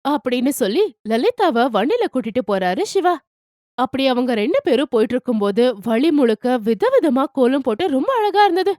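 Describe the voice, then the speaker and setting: High-voiced woman telling a bedtime story. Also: very animated, fairly quick, a little mellow, dry recording, studio quality. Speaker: narrator. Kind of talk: storytelling narration.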